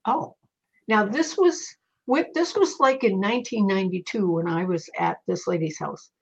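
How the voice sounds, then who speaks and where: A woman who is a psychic guest tells her stories in an interview, animated and full of fillers and restarts. Her voice is husky and sits at a medium pitch. The recording is dull and lo-fi. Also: normal speed. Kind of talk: conversational storytelling.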